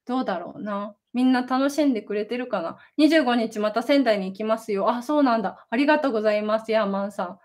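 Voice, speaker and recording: High-voiced young Japanese woman chatting on stream. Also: fast, few pauses, darkish tone. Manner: chatty, laughs often, many fillers. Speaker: livestream host, idol. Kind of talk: casual livestream chat reading comments. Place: home in Sendai.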